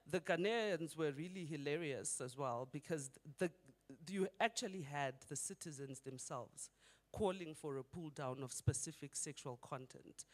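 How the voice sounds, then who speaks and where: A middle-aged man from Zimbabwe giving a conversational conference talk and putting rhetorical questions to the audience. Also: fairly high pitch. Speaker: conference speaker.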